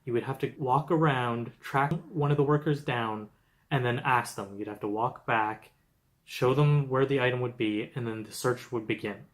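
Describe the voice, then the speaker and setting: A man's voice: medium pitch, normal speed. A young man from Canada narrating a scripted travel vlog, explaining things steadily with light humor. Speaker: travel vlogger.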